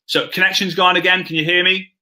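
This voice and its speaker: Bright-voiced Scouse man teaching a webinar. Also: sits high, fast talker. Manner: energetic, repeats and restarts, acts out both sides of sample chats. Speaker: webinar host.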